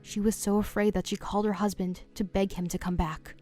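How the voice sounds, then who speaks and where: A woman narrates an animated story in a scripted, dramatic way. Her voice sits at an ordinary middle pitch. Soft music plays faintly behind her. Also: brisk.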